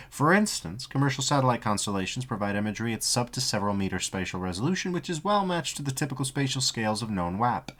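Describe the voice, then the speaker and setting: Low-voiced man reading a report aloud. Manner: reads report text flatly, breaks off for profane jokey asides. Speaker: streamer. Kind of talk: casual stream commentary reading a report aloud.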